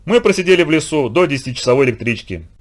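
A man narrating a children's story in an expressive, vivid way. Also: fairly high pitch, racing.

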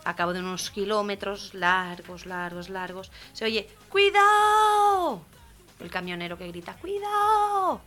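Una mujer con acento de España cuenta chistes en un programa de radio, con mucha animación, y pone voces a los personajes. Se oye una música suave de fondo. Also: female voice, lowish voice, normal speed, few pauses, faint music behind. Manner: lively joke-telling, acting out characters loudly. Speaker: radio comedy host. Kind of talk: telling jokes on community radio.

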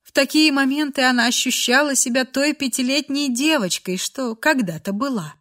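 A woman's voice: high voice, normal speed, a bit bright. A woman narrating a romance novel in a dramatic reading style. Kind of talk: audiobook narration.

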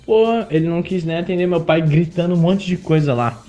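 A man's voice: fairly high pitch, fairly even intonation, a little fast, warm tone, soft background music. A man from Brazil, a podcast host, telling a personal story in a chatty, indignant way. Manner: chatty, indignant, many fillers. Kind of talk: casual storytelling monologue.

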